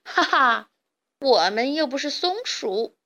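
A woman voicing a sly, gleeful male weasel bandit chief who laughs loudly and mocks his prey, in a children's storybook reading. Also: high voice, sing-song, unhurried, exaggerated voice. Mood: mocking. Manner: loud mocking laughter.

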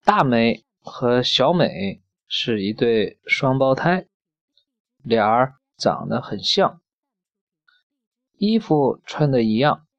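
Children's story reader, very slow pace, deliberate, dull lo-fi recording. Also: medium pitch, big pitch swings, no room sound. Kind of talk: reading a children's story aloud.

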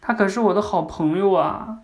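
A man's voice: high voice, moderate pace, pitched above the performer's own voice, lightly acted. A man voicing a four- or five-year-old girl grieving her pet turtle, pleading and insistent. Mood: wistful.

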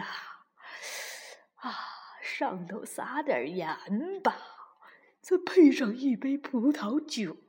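A woman's voice: sits high, breathy edge, exaggerated voice. A woman voicing a whimpering fox in pain. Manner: moaning, pleading, groaning in pain. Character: sly adult male fox, pitiful and whining. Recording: long reverb.

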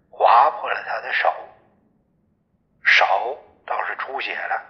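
A man narrating a novel in the first person, in a measured storytelling manner. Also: fairly low pitch, dull audio. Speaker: audiobook narrator.

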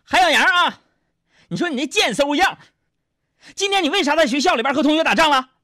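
Shrill scolding mom, voiced by a man. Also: lively intonation, fairly quick, sharp tone, no echo, clean studio sound, heavily acted. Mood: angry scolding. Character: shrill angry mother scolding her son.

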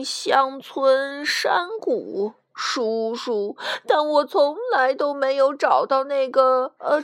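A woman's voice: high voice, fairly bright tone, dry recording, clean studio sound, exaggerated voice. Woman doing a frail, weary old grandpa. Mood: earnest. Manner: slow, weary, sighing.

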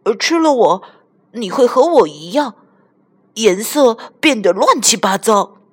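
A nervous little storybook chameleon stammers and stumbles over his words, full of "uh"s, as a woman puts him on. The voice sits high and swings widely. A soft husky grain runs through it. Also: very animated, measured pace, exaggerated voice. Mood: flustered. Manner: stammering with many "uh"s.

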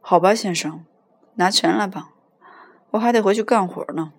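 A woman reading the lines of a gruff, crude man who works a hotel elevator, in a blunt, menacing tone. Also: medium pitch, moderate pace, close to an everyday voice.

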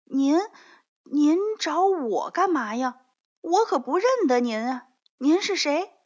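A woman voicing a contrary, bossy schoolboy in a children's story, calling out loudly and urgently. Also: high-pitched, animated, slow, pitched above the performer's own voice. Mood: loud, startled. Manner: loud, urgent, demanding calls. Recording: dull lo-fi recording.

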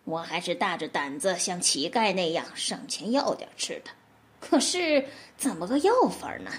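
A woman voicing a scheming, hungry male wolf who begs in a low, pitiful, fawning voice. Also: lively intonation, a little slow, husky. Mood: grumbling. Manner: wheedling, pitiful.

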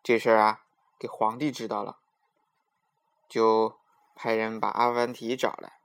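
A man telling a folk tale to children in a gentle, sing-song way, asking them questions. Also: fairly low pitch, level tone, unhurried, gravelly, clean tone. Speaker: children's storyteller. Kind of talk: storytelling for children.

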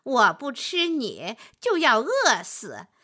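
Storybook wolf, sly and pushy, high and bright, voiced by a woman. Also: huge pitch swings, slow, exaggerated voice. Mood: mocking. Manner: mocking, pushy. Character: sly hungry male wolf, brazen.

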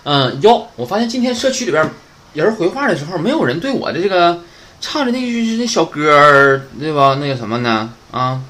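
A man's voice: on the high side, lively intonation, fairly quick, pushed and bright. A man teaching beginner Japanese in a casual, chatty online lesson, often asking "right?".

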